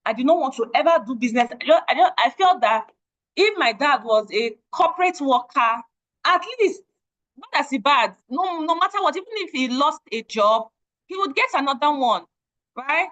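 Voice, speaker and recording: A woman's voice: high-pitched, lively intonation, normal speed, fairly bright tone, muffled recording. Earnest Nigerian woman sharing her story. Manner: earnest, repeats phrases for emphasis. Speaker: guest speaker. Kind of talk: testimony talk at an online meeting.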